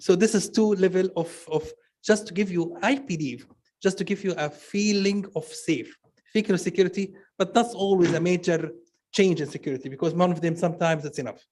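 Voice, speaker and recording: A man on a banking conference panel with a slightly high voice, talking fast. He repeats himself and restarts his sentences as he goes. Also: a little mellow. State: coughing. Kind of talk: panel discussion. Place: conference stage.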